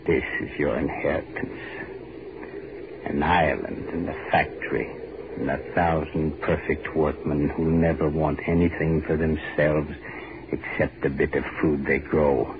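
A bitter old servant, super deep, mocking, scratchy old radio recording. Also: male voice, fairly even intonation, a little slow, narrow, tinny audio. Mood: hateful taunting. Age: older. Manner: grim, taunting. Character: bitter old male island servant, hateful. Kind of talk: 1940s radio acting.

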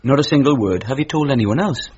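A man's voice: mid-range voice, lively intonation, fast talker, darkish tone, husky, dull audio. An actor playing a cheeky, gullible working valet in a radio comedy, blunt and bantering with his master. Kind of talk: radio comedy drama acting.

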